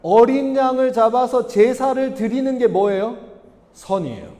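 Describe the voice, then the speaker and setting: In a church sanctuary with long hall reverb, a male pastor preaches a sermon, often putting questions to the congregation and acting out Bible voices. His voice is extremely high-pitched and warm, animated, at normal speed.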